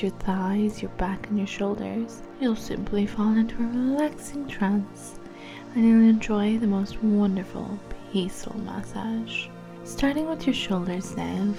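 A woman speaking softly and slowly, often in a whisper, guiding a massage and hypnosis roleplay in the second person. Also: medium pitch, creaky. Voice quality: soft, slow, soothing, often whispered. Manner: second-person guided imagery. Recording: soft music behind the voice. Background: faint music.

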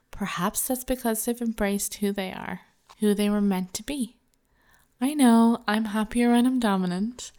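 Female hypnosis narrator, mid-pitched and gravelly with fry, measured, soothing and persuasive delivery. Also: darkish tone.

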